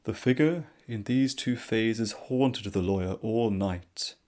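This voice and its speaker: A soft-spoken man narrating a classic story in a slow, measured manner. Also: on the low side.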